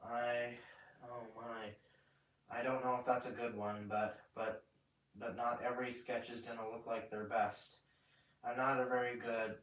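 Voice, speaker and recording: Slow, halting man on a live stream. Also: mid-range voice, fairly bright tone. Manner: halting, many restarts and fillers. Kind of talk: rambling casual live stream chat. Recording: roomy echo, mic at a distance.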